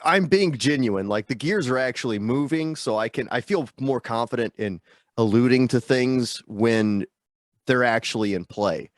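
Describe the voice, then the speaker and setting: A guest musician on a video-call interview sounds stuffy from a sinus infection as he rambles, self-deprecates and leans on lots of fillers. His medium-pitched voice moves at a moderate pace, recorded dry with clean studio sound.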